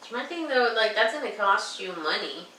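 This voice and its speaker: A woman's voice: mid-range voice, lively intonation, moderate pace, pushed and bright, a little hiss or hum. Frank young woman in casual chat. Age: 20s. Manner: frank, opinionated. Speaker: podcast co-host. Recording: echoey room, distant mic.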